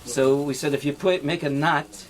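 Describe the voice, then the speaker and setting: A man's slightly high voice stays steady in tone at a normal speed, with slight background noise. He's a rabbi teaching a casual halacha class who explains knots step by step, demonstrates them with his hands, checks in with "right?", and mixes in Hebrew and Yiddish.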